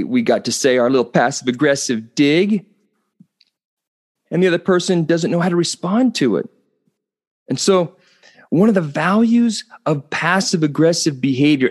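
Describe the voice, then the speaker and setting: A man's voice: mid-range voice, darkish tone. Male podcast host, mid-range voice, earnest solo monologue, prone to restarts. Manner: earnest, explanatory, with frequent restarts and repeated words.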